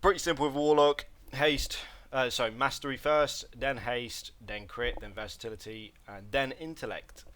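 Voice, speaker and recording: A man's voice: mid-range voice, fairly even intonation, normal speed, hardly any pauses, fairly bright tone. A man giving a casual gameplay tutorial, rambling and correcting himself with lots of fillers, with a slight cough. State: coughing, slight throat irritation. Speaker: game guide presenter.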